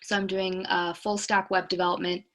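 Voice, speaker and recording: A woman's voice: lowish voice, level tone, normal speed, fairly bright tone. A woman in her twenties from California, speaking as a panelist in a concise, plain-spoken way over a video call.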